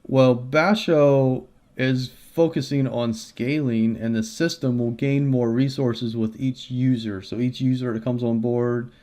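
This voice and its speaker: Male creator, mid-pitched, casual tutorial read with loose fillers and restarts, close mic. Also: steady tone, unhurried, few pauses, a little mellow. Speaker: crypto video creator. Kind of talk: casual explainer walkthrough.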